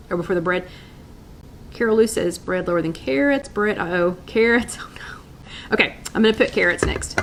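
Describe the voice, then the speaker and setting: A middle-aged woman hosts a live weight-loss chat from her kitchen, chatty and upbeat as she reads out viewers' names and votes. Her voice is medium-pitched, with slight background noise and poor audio.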